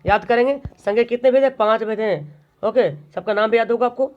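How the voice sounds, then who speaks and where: A man's voice: sits high, fairly quick, a little hiss or hum. Guy teaching grammar online, keeps quizzing then answering himself, kinda muffled lo-fi audio. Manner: drills by asking and answering his own questions. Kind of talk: online exam-prep grammar lesson. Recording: dull lo-fi recording.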